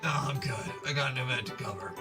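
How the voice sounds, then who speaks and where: A man's voice: medium pitch, quick pace, music in the background, lightly acted. A man voicing a jaunty, casual, hard-drinking newspaper reporter from a video game. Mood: hungover. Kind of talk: reading game dialogue aloud in character.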